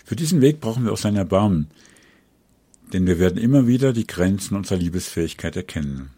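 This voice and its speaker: Low husky-voiced man preaching. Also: animated, mellow. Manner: earnest, measured devotional tone. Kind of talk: spoken sermon.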